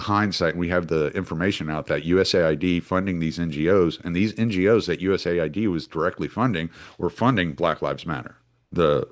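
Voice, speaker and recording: A man, hosting a solo podcast in a rambling, casual way full of restarts and fillers. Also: deep voice. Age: 40s. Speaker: podcast host.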